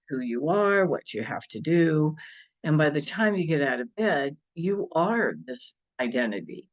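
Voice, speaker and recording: A man giving a spiritual talk and guided affirmation as a service leader, with measured, deliberate phrasing. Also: mid-range voice. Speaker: spiritual service speaker leading a ceremony.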